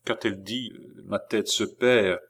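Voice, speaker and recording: A man's voice: lowish voice, steady tone, unhurried, a bit bright. A man playing a grieving, hot-tempered young nobleman, speaking with agitated sorrow. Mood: bitter.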